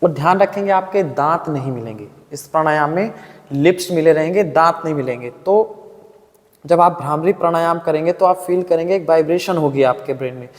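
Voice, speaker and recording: Calm male yoga teacher with reverb. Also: fairly high pitch, brisk. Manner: calm, patient step-by-step guidance; demonstrates breathing and humming aloud. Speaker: yoga instructor. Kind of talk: instructional yoga lesson.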